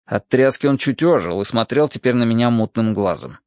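A man reading a first-person story aloud as an audiobook narrator, with steady, measured storytelling. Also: medium pitch, no echo. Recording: dull, dry audiobook recording.

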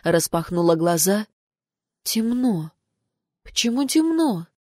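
A woman's voice: medium pitch, big pitch swings, takes it slowly, a little mellow, no room sound, clean studio sound. A woman narrating an audiobook in the first person, reading expressively.

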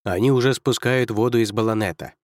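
A man's voice: medium pitch, no echo, clean studio sound, lightly acted. A man voicing a cheery young officer. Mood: cheery, amused. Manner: brisk, amused, raised lively voice. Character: cheerful stocky young male military officer. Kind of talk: audiobook character voice.

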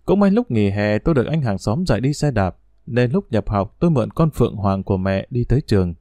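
A man's voice: fairly low pitch, very animated, fairly quick, mellow, no room sound. A man narrating a first-person story in a wry, reflective, conversational way.

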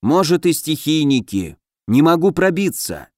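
A man voicing a fretful male house spirit who chatters quickly when excited. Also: fairly high pitch, no room sound, studio quality, pitched above the performer's own voice. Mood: strained.

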